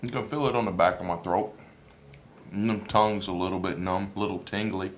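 A man's voice: sits low, fairly even intonation, fairly quick, slight background noise. A man chewing with his mouth full and hiccuping as he tastes and reviews spicy jerky at home on a phone camera, rambling with lots of ums. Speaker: food reviewer vlogger. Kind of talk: casual hot food tasting review.

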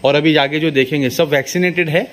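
This man's voice is fairly high and a bit bright, with fairly even intonation and a slightly fast pace. He's running a casual vlog interview about livestock, posing questions and echoing replies to check them, inside an open-sided shed where the recording picks up noisy farm sounds.

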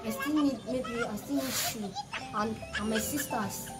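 A woman's voice: a little high, measured pace, close to an everyday voice. A young woman with a Nigerian accent playing a demanding, insistent gold-digger girlfriend in a comedy skit. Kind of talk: improvised comedy skit dialogue. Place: open porch of a concrete house, outdoors. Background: music.

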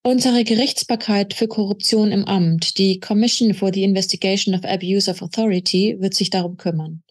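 A woman reading the lines of a calm, fatherly male official who speaks kindly and gently admonishes, in a husky voice. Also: medium pitch, moderate pace, lightly acted.

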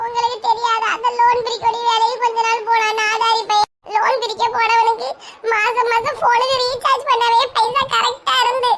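Woman doing shrill tearful young Sobi. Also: level tone, a bit bright. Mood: aggrieved. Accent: Kanyakumari Tamil. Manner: scolding, quick insults. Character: young woman Sobi, tearful, hot-tempered and sharp-tongued. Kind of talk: comic sketch acting.

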